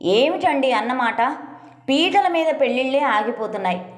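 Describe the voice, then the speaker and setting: Reproachful middle-aged mother, indignant, argumentative, raised pitch, read by a woman, echoey room recording. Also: lively intonation, moderate pace.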